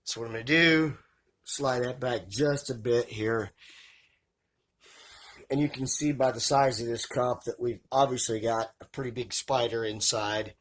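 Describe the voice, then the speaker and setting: A man's voice: medium pitch, a little slow, a little hiss or hum. Man muffled behind a face mask. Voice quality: muffled voice, mouth and nose covered by a mask. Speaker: tarantula keeper presenting an unboxing. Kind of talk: casual unboxing commentary.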